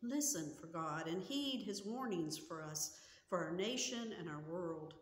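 An older woman pastor in her sixties delivers a sermon in a slow, measured way. Her voice rings through a small church sanctuary with a long, hall-like reverb, picked up by a camera set just in front of her. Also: lowish voice, lively intonation. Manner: slow, earnest and measured, with gestures. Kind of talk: sermon and prayer. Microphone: camera in front at chest height.

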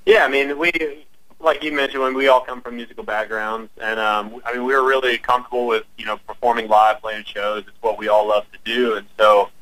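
A young man in his twenties talks with a radio host over the phone. His voice sits mid-range, with a dry, close sound, and he speaks in an easy, unhurried way full of fillers. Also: medium pitch, steady tone, a bit bright, dry recording. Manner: easygoing, chuckling, filler-heavy. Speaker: band member, guest. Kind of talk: casual interview by phone. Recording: phone call line.

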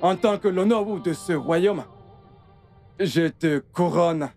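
A man's voice: fairly high pitch, takes it slowly, a little mellow, soft background music. An actor dubbing a ceremonial elder who crowns a new king in a solemn, declaiming voice. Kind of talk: French film dub.

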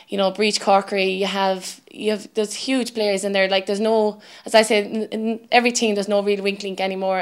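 A woman in her twenties speaks with a west of Ireland accent. Her voice is clear and smooth at a middling pitch, with little rise and fall. She talks reflectively, as an athlete answering interview questions. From Galway, west of Ireland. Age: 20s. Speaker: camogie player being interviewed. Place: indoor interview set with sponsor backdrop.

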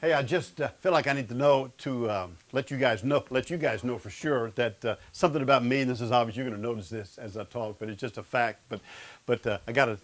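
Delivering a funny sermon to a live audience, this fifty-something man talks fast in a mid-range voice. He's the speaker for a men's Bible study, on an indoor studio stage with a lapel mic and people seated before him. His stutter comes through, and he makes light of it.

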